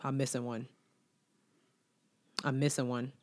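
An adult woman co-hosting a casual podcast chat, animated and opinionated, often laughing. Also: a bass voice, unhurried. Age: adult over 25. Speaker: podcast co-host.

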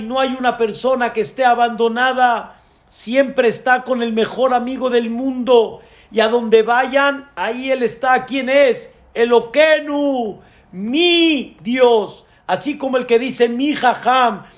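High-voiced, slow rabbi giving a sermon. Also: male voice. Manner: addresses listeners as Rabotai, repeats phrases for emphasis.

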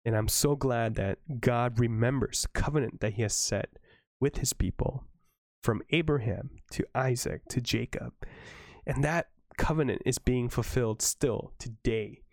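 Excitable man leading a Bible reading. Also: medium pitch, a little slow, gravelly, no room sound, clean studio sound. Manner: earnest, excitable, with self-corrections and asides. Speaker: Bible study leader reading to a live audience. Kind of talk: Bible reading with informal commentary.

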